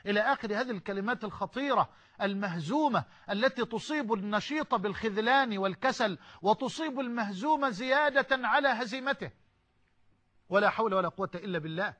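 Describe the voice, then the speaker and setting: Male preacher, Egyptian Arabic accent, very high voice, bright and forceful, impassioned sermon. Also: fairly quick. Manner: impassioned, rising to emphatic outbursts.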